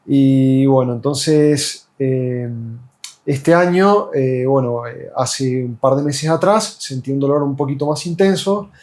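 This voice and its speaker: Slowly and in a darkish, medium-pitched voice, an Argentine man shares his experience as a patient. The testimony is casual and hesitant, in Argentine-accented Spanish, with frequent fillers and restarts.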